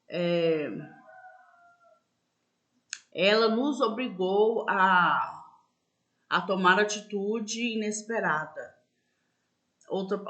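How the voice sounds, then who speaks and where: A woman teaches a school lesson. She talks patiently and repeats herself, often checking in with the class. She slows down to draw out the example words. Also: medium pitch, fairly bright tone. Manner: stresses example words slowly. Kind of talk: school lesson explaining accents.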